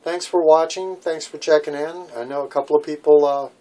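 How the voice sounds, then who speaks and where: A warm, fairly high voice speaks fairly quickly and steadily. It's a man in his sixties rambling through a casual vlog from a small boat cabin, using plenty of fillers, captured by a handheld phone at arm's length.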